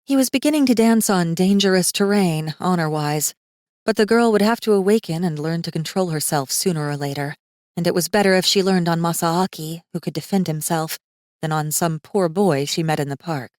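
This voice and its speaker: A woman narrates a fantasy audiobook in a scripted storytelling style, her voice a little low and a little mellow. She reads briskly, recorded close and dry with no room sound.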